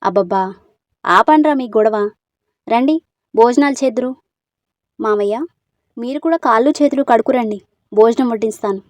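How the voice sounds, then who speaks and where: Picture a bustling, homely village mother calling everyone to the meal, as a woman reads her lines. The voice is fairly high and dry, close to the mic. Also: normal speed, long pauses, no echo, close to an everyday voice. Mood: fussing. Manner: fussing, hurrying the family to eat.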